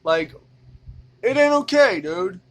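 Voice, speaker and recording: A man's voice: high-pitched, sing-song, slow pace. A man from Indiana ranting in a vlog monologue, exasperated and profane, repeating himself as he goes. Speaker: vlogger.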